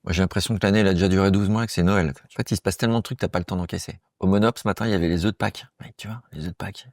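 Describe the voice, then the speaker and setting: Fast-talking crude comic monologuist, man. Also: sits low, no echo, clean studio sound. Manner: fast, slangy, crude and excitable, does quick voices. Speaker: comedic monologue host. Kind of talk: rambling comic monologue to camera. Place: small room, close to camera.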